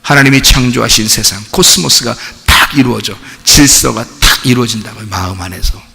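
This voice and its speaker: A man preaching a sermon as pastor, emphatic and animated, repeating his exhortations to the congregation. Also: mid-range voice, fairly quick, vocal fry, in a large hall, soft background music. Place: church sanctuary.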